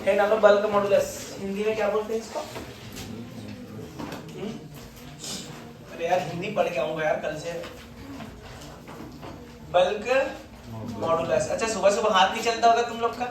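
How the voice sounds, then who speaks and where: A man's voice: high-pitched, moderate pace, pauses often, noisy background. A man teaching physics to a class, quizzing and teasing his students as he goes. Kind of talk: classroom lecture. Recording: echoey classroom from far off, students murmuring.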